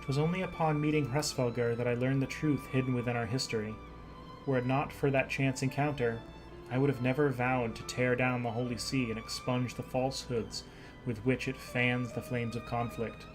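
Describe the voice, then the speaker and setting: A man's voice: mid-range voice, fairly even intonation, normal speed, music in the background, lightly acted, low-quality recording. A man reading as an earnest young noble scholar. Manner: plain earnest reading, small stumbles. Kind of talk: reading game dialogue aloud.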